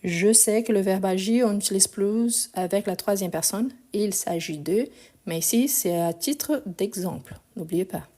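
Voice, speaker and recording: Speaking unhurriedly in a warm, medium-pitched voice, a French teacher runs a live online grammar lesson. She spells out endings letter by letter and explains each step patiently, her somewhat weak voice captured on a phone.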